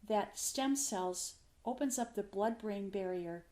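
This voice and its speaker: A woman's voice: medium pitch, takes it slowly, mellow. An older woman, a podcast guest, telling a personal story in an earnest, heartfelt way, in short phrases with retold dialogue. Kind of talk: personal storytelling in a casual interview.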